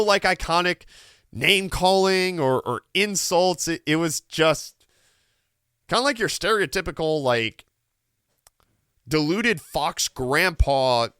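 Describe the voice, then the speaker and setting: A man's voice: fairly high pitch, bright, forceful tone, smooth, dry recording, clean studio sound. A man hosting casual political commentary, rambling with lots of fillers and swearing, his voice sore. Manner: rambling, many "like" fillers, swearing, laughs often. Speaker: radio and podcast host.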